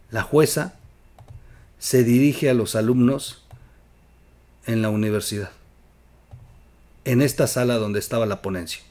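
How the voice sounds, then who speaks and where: A man with a Mexican accent hosting a political commentary show, emphatic, with loud outbursts and quiet asides. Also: mid-range voice. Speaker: news commentary host.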